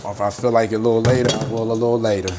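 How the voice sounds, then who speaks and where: A man casually talking through cooking his dinner in a home kitchen, laid-back and chatty with drawn-out emphatic phrases. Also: lowish voice, little pitch movement, noisy background. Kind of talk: casual cooking vlog chat. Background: frying and stirring sounds.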